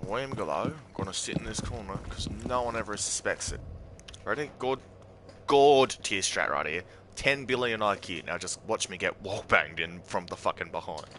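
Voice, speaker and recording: An Australian gaming streamer with a lowish, fairly bright voice gives casual live commentary at normal speed while playing a shooter. He swears often and jokes with his teammates, with game gunfire and effects under his voice.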